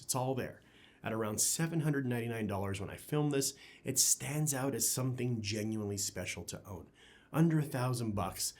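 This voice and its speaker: Emphatic, opinionated, and conversational, a man hosts a product review channel focused on audio gear. His voice sits in the mid-range with a darkish tone.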